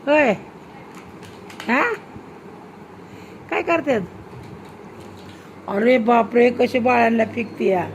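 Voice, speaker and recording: A woman's voice: on the high side, expressive, slow pace, vocal fry, long pauses, a little hiss or hum. A woman filming a home vlog, chatting casually and scolding with teasing questions. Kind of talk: casual home video chat.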